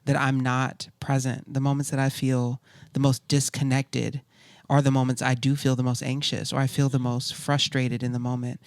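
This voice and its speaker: A man's voice: medium pitch, monotone, normal speed, creaky, no echo, studio quality. A man co-hosting a faith podcast in casual chat, with a slight Southern US accent, jokey and reflective. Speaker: podcast co-host.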